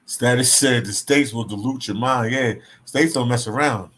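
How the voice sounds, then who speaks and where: A man's voice: medium pitch, moderate pace, a bit bright. Teasing man reading live chat. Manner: teasing, reads comments aloud. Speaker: livestream host reading chat. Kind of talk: casual livestream chat.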